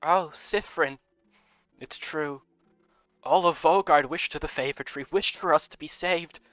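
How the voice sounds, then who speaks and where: A man voicing an older head housemaiden woman with a slight Scottish accent, soft and pleading, reading a game aloud. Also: a little high, unhurried, no echo, soft background music. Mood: sorrowful. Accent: slight Scottish put-on. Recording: dull lo-fi recording.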